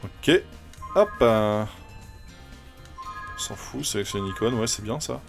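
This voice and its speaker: A man's voice: lowish voice, measured pace, gravelly, soft background music. A man streaming a video game, chatting casually and rambling with many fillers and restarts. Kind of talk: casual live gameplay commentary.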